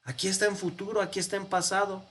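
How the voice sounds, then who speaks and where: A man's voice: high-pitched, flat delivery, fast talker, a bit bright. A priest giving a Bible class, explaining a text step by step and answering his own rhetorical questions. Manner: walks through a text on screen, counting and pointing.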